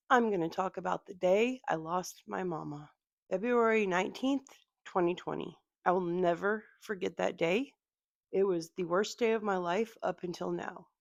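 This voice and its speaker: Creaky-voiced woman telling a personal story. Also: lowish voice, no echo. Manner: earnest, direct address to viewers. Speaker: vlogger.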